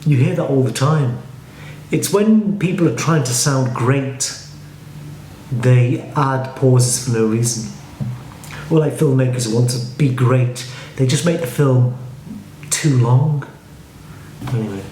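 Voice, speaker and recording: A man with a Liverpool accent teaching how to speak verse, brisk and opinionated, splitting each line into its halves. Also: medium pitch, dark tone. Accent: Liverpool English. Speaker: acting and speech coach. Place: home studio room. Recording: echoey room with faint noise.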